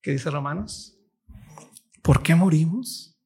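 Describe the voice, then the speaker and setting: A man's voice: on the high side, slow pace, darkish tone, husky. A man preaching a sermon, reading scripture aloud and questioning his listeners. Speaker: pastor.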